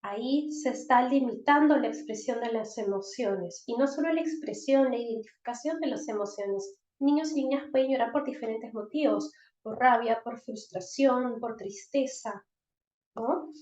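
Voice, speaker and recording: A woman's voice: on the high side, normal speed, darkish tone. A woman psychologist, explaining things in an online talk for parents and often checking in with her listeners. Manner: explanatory, frequent checking tags. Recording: roomy, dull online-call audio.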